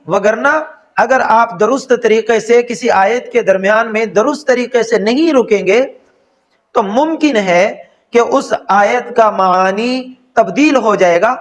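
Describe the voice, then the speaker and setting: A man with a Pakistani Urdu accent giving an online Quran lesson, explaining patiently and slowing down to recite examples. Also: very high voice. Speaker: Quran teacher.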